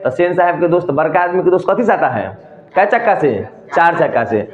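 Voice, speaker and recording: A man's voice: high-pitched, animated, a little fast. A man with a Bihari Hindi accent explaining a story to students in a loose, colloquial way, asking questions and answering them himself. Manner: colloquial, asks and answers his own questions. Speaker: teacher. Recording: echoey room, tinny phone-like sound.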